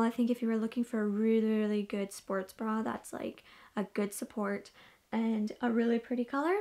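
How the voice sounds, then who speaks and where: A woman in her twenties chatting casually through a gym clothing review, often repeating "really, really" and "like", recorded in a small wood-panelled bedroom on a camera across the room. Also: fairly high pitch.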